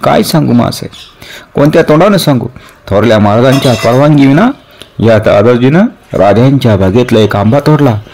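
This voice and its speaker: A man's voice: medium pitch, expressive, fairly quick, a little mellow, slight background noise, close to an everyday voice. A man voicing an elderly, devoted guardian, speaking in anguished self-reproach. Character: elderly devoted guardian, guilt-stricken and stern.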